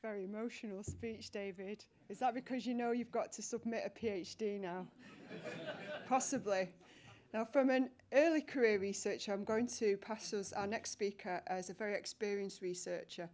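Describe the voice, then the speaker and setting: A woman's voice: medium pitch, normal speed, a little mellow. Woman event host, playful and teasing, laughs often. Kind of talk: introducing speakers at an event.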